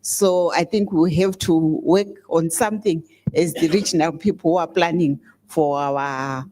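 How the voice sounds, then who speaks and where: A woman working as a health ministry coordinator, introducing herself at a meeting in a soft, earnest way. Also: deep voice, fairly even intonation, a little slow, poor audio. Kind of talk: self-introduction.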